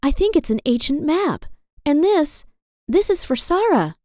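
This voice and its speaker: A woman voicing a clever, excited young girl in a children's storybook, speaking eagerly, higher and slower than her narration. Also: no room sound, clean studio sound.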